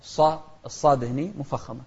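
A man gives a patient recitation lesson, darting through explanations and then slowing to chant each example carefully. His voice is soft and mellow, captured on a dull, lo-fi recording. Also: medium pitch, fairly even intonation, creaky, slightly rough. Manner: patient, demonstrates pronunciation with slow chanted examples and quick explanations. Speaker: Quran recitation teacher.

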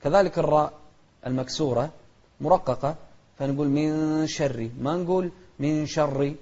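A Quran recitation teacher patiently darts through quick explanations, then slows to chant each example so the pronunciation is clear. His voice is soft, mellow and a little high, heard on a dull, lo-fi recording.

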